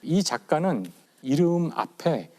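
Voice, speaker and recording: A man's voice: fairly high pitch, animated, a little mellow. Enthusiastic man telling a story on a talk show. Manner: enthusiastic, slows down for dramatic emphasis. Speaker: physics professor guest speaker.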